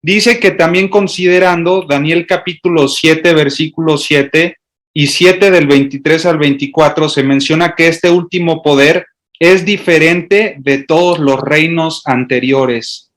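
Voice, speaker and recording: A male student reads out a question in class at a slow, halting pace. He fills the pauses with hesitant fillers, and his voice sits a little high for a man. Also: steady tone, fairly bright tone. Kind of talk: reading a question aloud.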